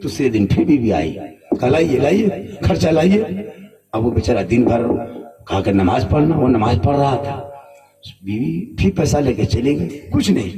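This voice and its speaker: A man from Jharkhand telling a comic religious tale in an animated way, acting out the characters. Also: mid-range voice, moderate pace. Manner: animated, voices many characters. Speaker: religious storyteller. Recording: distant mic, crowd around.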